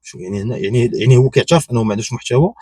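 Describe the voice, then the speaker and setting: Speaking at a racing clip, this male YouTube commentator with a Moroccan accent has a medium-pitched, warm, husky voice in a dry recording. He offers off-the-cuff opinions, pressing his points again and again and firing rhetorical questions.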